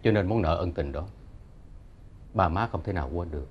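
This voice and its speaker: Low-voiced solemn southern Vietnamese father. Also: fairly quick, highs cut off, slight background noise. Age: middle-aged. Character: forgiving, solemn middle-aged father. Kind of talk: television drama acting.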